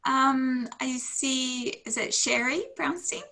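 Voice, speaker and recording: A woman runs an online meeting, inviting each member to speak in a friendly tone. Her voice sits high and sounds bright with a gravelly fry. She speaks through a video-call mic. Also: slow pace. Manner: friendly, calls on people in turn. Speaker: meeting chair.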